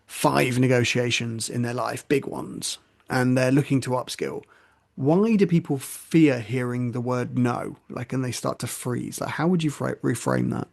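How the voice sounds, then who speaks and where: A man hosting a podcast interview, asking his questions in a halting way with restarts. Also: mid-range voice, vocal fry, a little mellow. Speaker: podcast host.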